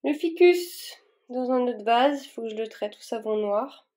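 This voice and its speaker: A woman with a fairly high pitch but a dark tone chats a little slowly in a casual vlog while repotting plants. She wanders through her thoughts with lots of fillers and restarts, sounding slightly warm and tired from the job.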